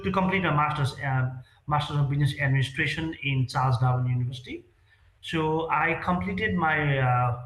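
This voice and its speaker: A man's voice: a little high, bright, forceful tone. Earnest man in an echoey room. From Nepal. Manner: earnest, hesitant with many fillers and restarts. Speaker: real estate sales executive, guest. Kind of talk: interview answers.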